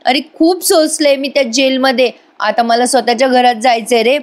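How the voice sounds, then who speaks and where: A woman's voice: sits high, fairly even intonation, normal speed, lightly acted. A woman voicing a manipulative young woman who cries and pleads, stumbling over repeated words. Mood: tearful pleading.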